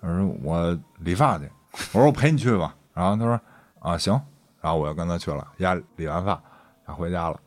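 A man's voice: sits low, animated, fairly quick. A man with a Beijing accent, a podcast co-host rambling through a personal anecdote in casual chat, swearing and laughing often.

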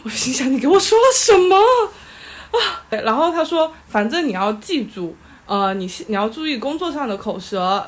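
A woman guest on a casual chat show, telling a story in an animated, exasperated way and often breaking into laughter. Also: mid-range voice. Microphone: live audio chat app.

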